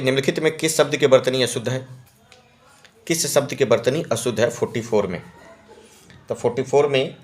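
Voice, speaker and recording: A male teacher talks through a practice test, answer by answer. He repeats each key word and keeps checking his listeners are following. His voice sits at an ordinary middle pitch. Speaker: Hindi exam-prep teacher.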